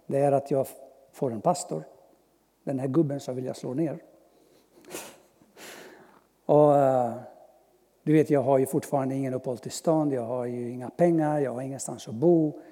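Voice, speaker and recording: A man giving an earnest personal testimony as a preacher, speaking slowly with long pauses and sudden soft drops. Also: medium pitch, slightly rough. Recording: long hall reverb.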